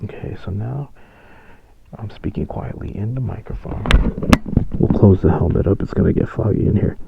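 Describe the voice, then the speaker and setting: A man vlogging casually from inside a closed motorcycle helmet, his voice muffled as he quietly tests a clip-on mic. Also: on the low side, vocal fry, very noisy. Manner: quiet, halting, thinking aloud. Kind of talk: casual demo chat. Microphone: small clip-on mic inside the helmet. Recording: roomy echo.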